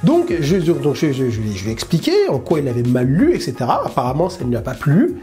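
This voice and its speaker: A man's voice: medium pitch, huge pitch swings, fast, warm tone, faint music behind. A man with a Parisian accent and a blocked nose, chatting in a casual drone-building vlog with many fillers and restarts. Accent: Parisian French. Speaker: FPV drone YouTuber.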